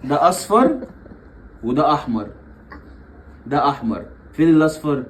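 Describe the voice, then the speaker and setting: A man's voice: fairly high pitch, big pitch swings, normal speed, a little hiss or hum, rough recording. A young father with an Egyptian accent playfully coaxing his small children in a family vlog, laughing often. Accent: Egyptian Arabic. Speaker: father and vlogger.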